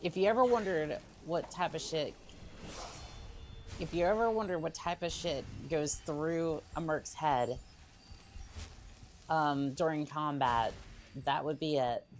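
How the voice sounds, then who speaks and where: A woman's voice: deep voice, slow pace, long pauses, a little mellow, a little hiss or hum. A woman livestreaming a video game, chatting casually with playful teasing and hesitant musing aloud. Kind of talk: casual chat over gameplay with in-character asides.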